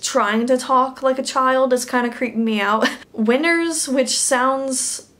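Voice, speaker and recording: A woman's voice: sits high, takes it slowly, a bit bright. A young woman reviewing a bad movie in a comedic rant, sarcastic and laughing between lines.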